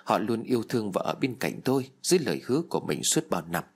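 An audiobook reader with a lowish, slightly rough voice narrates a first-person novel expressively. His delivery is fast and sing-song.

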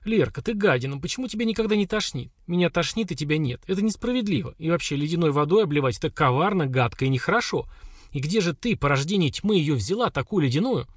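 A man voicing a sulky, hungover young woman warrior who whines and wails in a high voice. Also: expressive, fast talker, husky, no echo, studio quality. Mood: whining. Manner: high, complaining, wailing.

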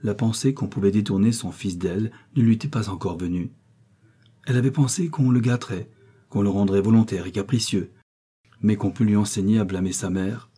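A man reading a classic novel aloud in a measured narrating voice. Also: fairly low pitch, mellow, breathy edge. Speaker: audiobook reader. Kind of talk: literary audiobook narration.

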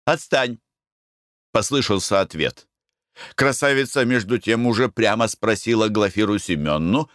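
A man giving an expressive audiobook narration. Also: fairly low pitch, dry recording, clean studio sound. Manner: expressive, storytelling.

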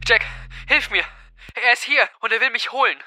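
A man's voice: extremely high pitch, normal speed, pitched above the performer's own voice. A man voicing a terrified teenage girl screaming for help over a noisy phone line. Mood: panicked screaming. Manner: panicked pleading screams.

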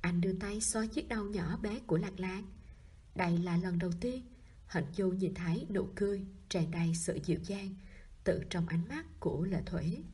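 A woman narrating a novel in a soft reading voice that often drops to a whisper. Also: mid-range voice, breathy edge. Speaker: audiobook narrator.

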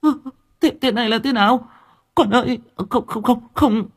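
A man's voice: sits high, moderate pace, a little mellow, husky, voice pushed up, exaggerated voice. A man voicing a frightened village mother of about fifty who stammers and wails in panic. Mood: terrified wailing.

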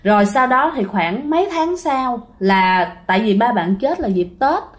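A woman with a Southern Vietnamese accent narrates a ghost story in a casual, chatty way, often turning to talk to her listeners. Her voice sits a little high. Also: expressive, a little slow. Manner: chatty, addresses listeners directly.

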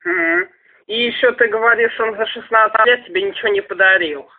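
High-voiced male prank caller, tinny line. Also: very animated, fairly quick, creaky. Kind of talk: casual, needling phone chat. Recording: noisy, tinny phone line.

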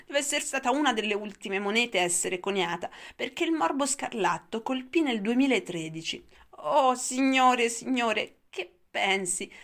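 A woman voicing a frail, querulous old grandfather in a storybook reading, in a thin, wavering falsetto. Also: a bit bright. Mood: shrill excited. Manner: shrill, rambling, grumbling.

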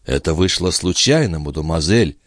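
A meek, devoted young man who speaks with quiet humility in a very deep, low voice, as the narrator plays him. His delivery in this audiobook still rises and falls with feeling. The sound is close and dry. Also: expressive, moderate pace, no echo. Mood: humble. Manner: humble, sighing, quiet.

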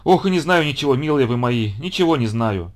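A man voicing an old village grandmother who scolds and wails in a raised, shrill voice. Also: animated, a little fast, natural voice. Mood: lamenting. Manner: wailing, scolding.

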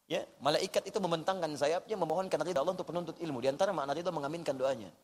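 A male preacher giving a sermon, lively, dropping to hushed storytelling and rising to loud urging. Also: a little high, very fast, breathy edge. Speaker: ustaz, preacher. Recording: long hall reverb.

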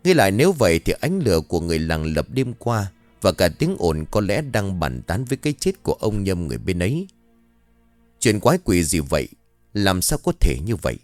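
A male storyteller reading a ghost story aloud. His low voice rises and falls dramatically. It is recorded dry and close, with faint music behind. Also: sing-song, a little fast, darkish tone, no echo. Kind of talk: scripted horror story narration.

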